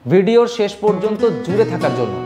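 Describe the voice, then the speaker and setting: High-voiced man teaching English pronunciation. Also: sing-song, quick pace, music in the background. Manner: explains step by step, repeats key words, mixes in English words. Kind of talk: spoken English lesson.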